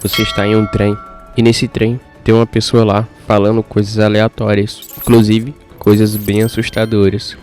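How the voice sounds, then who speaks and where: Brazilian guy telling a story recap, slangy and chatty, soft music behind. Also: lowish voice, completely flat delivery, normal speed. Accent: Brazilian Portuguese. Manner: slangy, chatty, addresses viewers directly. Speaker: manhwa recap narrator. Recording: faint background music.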